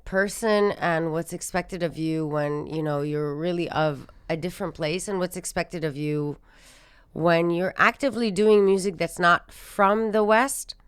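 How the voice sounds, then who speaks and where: Low, smooth-voiced woman from Sudan. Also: fairly even intonation, a little slow, no echo, clean studio sound. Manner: thoughtful, emphatic, acts out quoted speech. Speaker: guest musician. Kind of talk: conversational interview.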